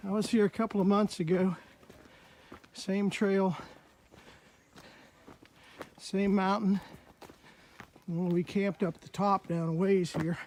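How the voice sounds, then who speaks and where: A man's voice: sits high, little pitch movement, slow pace, pauses often, a little mellow, a little hiss or hum. A man vlogging outdoors on a wooded mountain trail, with folksy, chatty narration into a handheld camera. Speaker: hiking vlogger.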